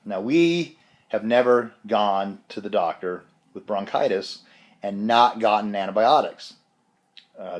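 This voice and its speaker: A man sick with bronchitis and a chesty cough gives a casual, rambling, self-deprecating personal update. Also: fairly low pitch. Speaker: vlogger giving a health update.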